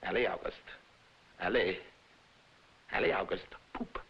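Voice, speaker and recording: A man's voice: deep voice, measured pace, creaky, husky, full character voice. An actor playing a grandiose, fussy old flea circus showman in a film, pompous and pleading, with theatrical flourishes. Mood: grandiose showmanship. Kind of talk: old film dramatic acting. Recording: dull old film soundtrack, faint music.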